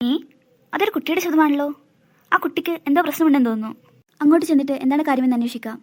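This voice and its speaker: A woman voicing Nagarani, a high, rapid snake queen. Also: a little mellow, lightly acted. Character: snake queen in human form, kindly but secretive. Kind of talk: cartoon voice acting.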